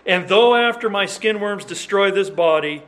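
A man's voice: high voice, normal speed, a bit bright. A man preaching a sermon, earnest and emphatic, reading scripture in old-fashioned wording and often restarting his phrases. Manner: restarts and repeats words while explaining.

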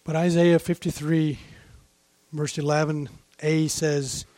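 A man with a notably high voice preaches a sermon in an unhurried, deliberate way. He talks fervently, asks rhetorical questions and drops to a hush before rising again. The sound is close and dry. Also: little pitch movement, no room sound. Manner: fervent, rhetorical questions, swings between hushed and raised.

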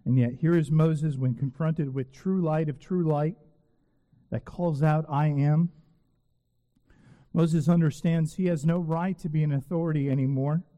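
A man preaching a sermon in a church sanctuary, earnest and emphatic, slowing down to repeat phrases with weight. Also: a little high, fairly even intonation, mellow. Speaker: pastor. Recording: long reverb of a church hall.

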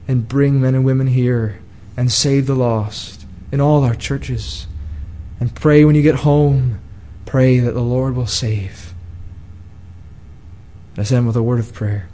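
Impassioned shouting preacher, slow delivery. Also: male voice, medium pitch, fairly even intonation. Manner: impassioned pleading, swings from shouting to hushed. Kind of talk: sermon. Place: church.

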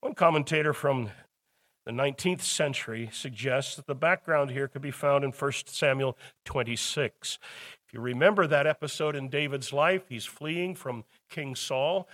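A man's voice: medium pitch, normal speed, fairly bright tone. A man teaching a Bible study lecture, explaining a psalm and retelling its story with quoted voices.

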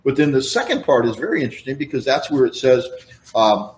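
A man's voice: medium pitch, quick pace, echoey room. A man preaching a sermon in a conversational, folksy way, full of asides and explanations. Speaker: pastor.

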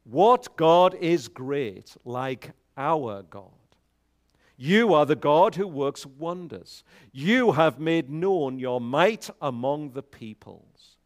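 A man pastoring an evening service, reading scripture slowly and with measured emphasis at a pulpit microphone, then giving notices with many fillers. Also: fairly high pitch, animated. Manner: frequent fillers when speaking freely. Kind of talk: scripture reading and sermon announcements.

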